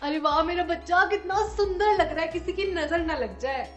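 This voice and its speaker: A woman playing a pushy, scheming mother in a comedy family skit, talking loudly and bossily. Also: extremely high pitch, moderate pace, muffled recording, soft background music. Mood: bossy. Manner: bossy, fussing, loud. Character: pushy scheming middle-aged Indian mother.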